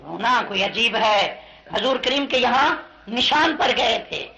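A man preaching a fiery sermon to a crowd in a rhythmic, rhyming cadence, calling the listeners to answer him and rising into impassioned shouts. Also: very high voice, expressive, creaky. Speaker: Islamic preacher. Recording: dull lo-fi 1982 tape of a live gathering.

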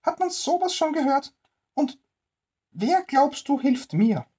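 A reader putting on a greedy, stingy old woman for a bedtime storybook tale, with a shrill, high, complaining voice. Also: sing-song, takes it slowly, warm tone, full character voice. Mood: grumbling.

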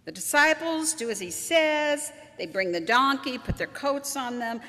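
A woman pastor preaches with a lively, swooping delivery and a bright, forceful edge, dropping in dry, wry asides. Her voice rings out in a church sanctuary with a long, hanging reverb. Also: sits high, measured pace. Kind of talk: sermon.

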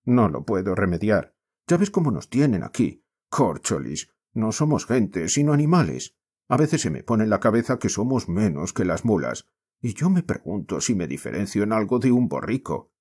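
A restless, despairing mining boy, played by a male audiobook reader with a Spain accent, bursting out in frustration. The voice stays low and husky. Its pitch swings widely as he pleads. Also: big pitch swings, normal speed, darkish tone. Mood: desperate, pleading. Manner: impassioned, frustrated outbursts. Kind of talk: audiobook character reading.

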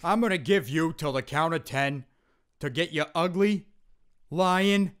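Menacing old-movie gangster. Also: male voice, on the high side, unhurried, fairly bright tone, clear, resonant tone. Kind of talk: switching impression voices, old gangster film acting.

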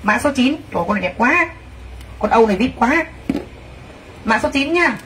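A livestream clothing seller with a slightly high voice makes a live sales pitch at normal speed, excitedly gushing exclamations and speaking straight to viewers. The audio is poor, picked up from a distant mic with faint background noise.

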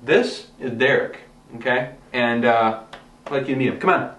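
A man's voice: medium pitch, a bit bright. A man playing a frantic, exasperated rookie film director in a comedy sketch. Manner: frantic, exasperated, talks fast. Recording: echoey room from far off, faint noise.

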